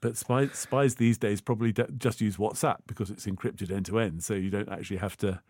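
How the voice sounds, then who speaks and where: A man co-hosting a casual podcast, explaining things in a rambling, halting way. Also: fairly low pitch, steady tone, darkish tone, husky, no echo. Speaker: podcast co-host. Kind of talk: casual chat.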